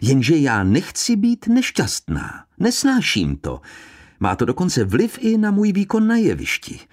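Man playing a self-centred actress, high, velvety, coaxing, wide swoops. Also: wildly swooping pitch, full character voice. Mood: pleading.

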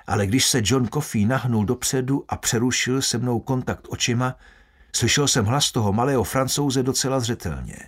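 Husky male audiobook narrator. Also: mid-range voice. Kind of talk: first-person audiobook narration.

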